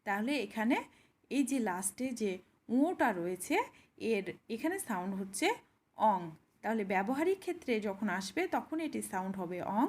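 Teaching pronunciation, a woman patiently explains every sound and demonstrates each one slowly. Her fairly high, expressive voice rises and falls a great deal, and she addresses the learner directly, as though seated right next to them.

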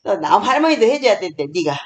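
A woman's voice: medium pitch, big pitch swings, fast talker. An older woman, a grandmother, casually leading home exercises, counting aloud and chatting to a small child. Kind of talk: casual spoken instruction with counting. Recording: echoey room with faint noise.

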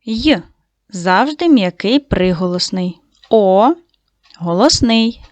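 A woman teaching a lesson to young schoolchildren, giving slow, clearly articulated instructions. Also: mid-range voice, animated, no echo. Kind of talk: online lesson for young children.

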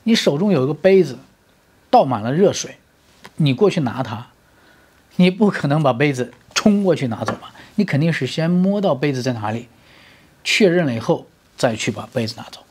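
A man's voice: on the high side, lively intonation, moderate pace, a little mellow, slightly rough. A man giving an electric guitar lesson, explaining step by step with everyday comparisons and often checking "right?" with the learner. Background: guitar playing.

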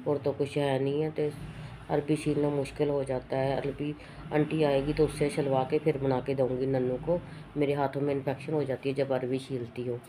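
A middle-aged woman with a hoarse throat from a cough, chatting casually and rambling through her day at home in a vlog. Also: a bass voice, level tone, normal speed, noisy background. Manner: rambling, matter-of-fact. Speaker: vlogger.

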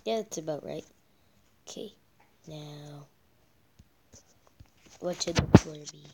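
A man's voice: fairly high pitch, slow, noisy background. A male gameplay vlogger chatting casually while he builds, often muttering and half-whispering as he counts blocks under his breath, with rambling asides.

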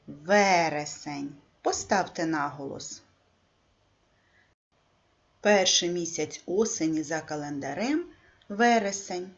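A woman teaching a primary school handwriting lesson, dictating slowly and clearly and stressing the syllables. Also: fairly low pitch, lo-fi sound. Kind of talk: scripted classroom lesson narration.

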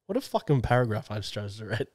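A man co-hosting a podcast in casual banter, swearing freely and dropping deadpan quips. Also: fairly low pitch, fast, no echo. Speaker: podcast co-host.

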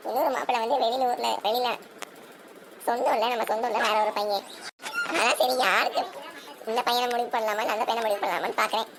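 A woman voicing a family cartoon, talking in an animated way with dramatic exclamations. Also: on the high side, fast talker, long pauses. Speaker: cartoon channel voice actor. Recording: steady background hiss.

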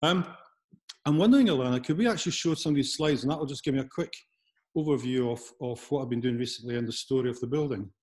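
Halting Scottish man on a video call. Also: mid-range voice, a little mellow, poor audio. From Scotland. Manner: halting, with many restarts. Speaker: artist giving a talk. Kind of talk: casual talk over video call. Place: large converted church studio, indoors. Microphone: laptop camera, video call.

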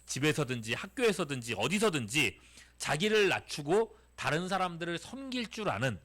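A man's voice: on the high side, moderate pace. A middle-aged man, a youth pastor, preaching a sermon to teenagers and asking them question after question. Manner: animated, asks the audience many questions.

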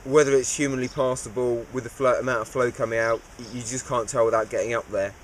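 This cave diver talks fast in a mid-range voice, with slight background noise, as he recaps his dive in an interview. The manner is relaxed and low-key, with lots of "uh" fillers.

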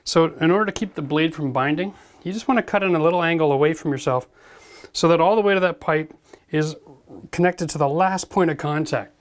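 A man's voice: fairly high pitch, brisk. A man in his forties hosting a renovation show, giving a direct, practical how-to demonstration from a gutted bathroom. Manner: direct, practical, addresses viewers as folks. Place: gutted bathroom in an old brick building, indoors.

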